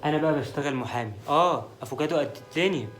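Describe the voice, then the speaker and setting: A man playing a boastful Egyptian lawyer who jokes and lies his way through every case. His voice is high and his patter quick, in a comedy sketch. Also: fairly bright tone, faint music behind, lightly acted. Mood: bragging. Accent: Egyptian Arabic. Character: boastful lying Egyptian lawyer, middle-aged man, joking. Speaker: con-artist lawyer named Adel.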